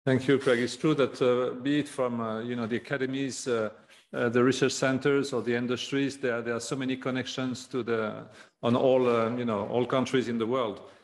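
A man with a mid-pitched voice moderates a business roundtable. He thanks the panelists and moves to the next topic in a polite, slightly halting way. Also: flat delivery. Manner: polite, hesitant questioning with fillers.

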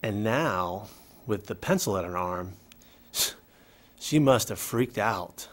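A man's voice: lowish voice, expressive, takes it slowly, a bit bright. A man reading an English voice-over for a signed conversation, in a conversational scripted style. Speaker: voice-over for a signing speaker.

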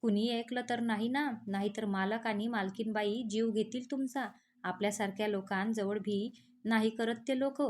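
Woman narrator voicing scolding village mother, rural speech, fairly high voice. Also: steady tone, moderate pace, darkish tone, a little hiss or hum, lightly acted. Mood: scornful. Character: sharp-tongued village mother, scornful.

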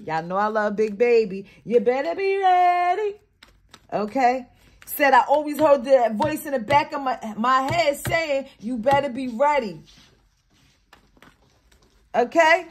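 A woman with a high voice and a touch of morning voice gives viewers a spiritual reading in a loose, slangy way. She drops from low mutters into loud, animated bursts and keeps checking in with "okay?". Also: a little slow. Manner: emphatic, slangy, keeps tagging lines with "okay?". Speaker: spiritual card reader.

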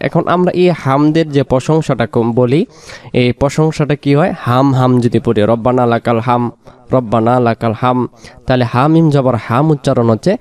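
A man teaching prayer pronunciation, spelling out sounds letter by letter and drawing out example phrases slowly. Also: mid-range voice, darkish tone, no echo. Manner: drawn-out slow chanting of example phrases; explains letter by letter, patient. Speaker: religious teacher. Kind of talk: pronunciation lesson.

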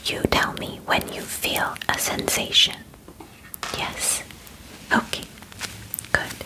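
An ASMR performer in her 20s plays a calm alien examiner, whispering very slowly and close to the mic from her bedroom studio. Formal, methodical and clinical, she gently reassures the human under inspection. Her voice is natural, though the recording quality is low.

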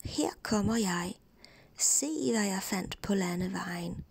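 A woman's voice: medium pitch, lively intonation, vocal fry, slightly rough, no room sound. A woman voicing a cheerful, foolish young peasant lad who boasts and calls out gleefully.

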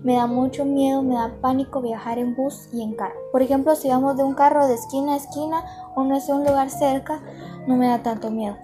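A woman's voice: high-pitched, fairly even intonation, brisk, warm tone. A woman telling a personal story to camera in a chatty, earnest way, speaking straight to her viewers, with music playing behind her. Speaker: vlogger. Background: background music.

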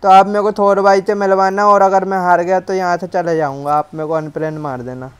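A man's voice: high voice, fairly even intonation, fairly quick, smooth, dull audio. A young man playing a shooter game and bantering playfully with friends and opponents. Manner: teasing, playful, chatty. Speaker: gamer. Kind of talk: casual gaming banter.

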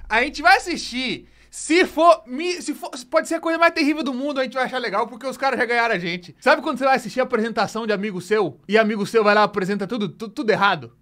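A man's voice: extremely high pitch, fairly bright tone. A young man with a Brazilian Portuguese accent, streaming a rambling, exclamatory reaction to a trailer. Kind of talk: casual reaction commentary.

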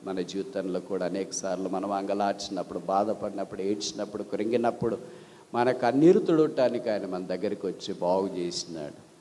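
A man's voice: sits low, fairly quick, dark tone, slight background noise. A male pastor preaching a sermon, asking rhetorical questions and giving homely everyday examples. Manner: switches briefly into English glosses. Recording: long hall reverb.

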